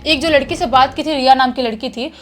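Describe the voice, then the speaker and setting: A woman's voice: high voice, quick pace, slight background noise. A woman telling a true horror story in a chatty, casual way, often repeating words for effect.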